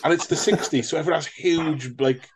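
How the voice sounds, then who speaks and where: A man's voice: fairly high pitch, fairly quick, slight background noise. A British man riffs through a casual podcast review of a film. He jokes, swears freely and acts out lines from the film with a laugh. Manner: jokey, swears, laughs often, acts out quotes. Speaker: podcast co-host.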